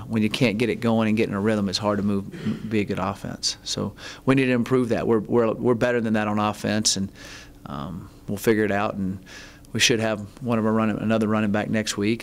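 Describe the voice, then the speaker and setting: A middle-aged man, a head football coach, answering reporters at a postgame press conference, halting, with many ums and restarts. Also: lowish voice, level tone, vocal fry. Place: press conference room, seated at table. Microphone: table mic in front.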